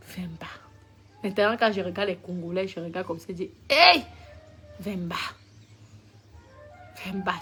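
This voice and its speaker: A woman talks straight to her followers on a live stream. She is emphatic and repetitive, swinging from loud scolding to low mutters in a mid-pitched voice, with faint music playing underneath. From Cameroon.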